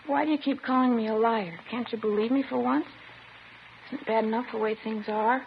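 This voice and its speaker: In a muffled, noisy old 1950s radio crime drama, a woman with a fairly high, creaky voice speaks a little fast with fairly even intonation. She plays a sullen, defensive, childlike schoolgirl confessing to police, petulant and emotionally detached.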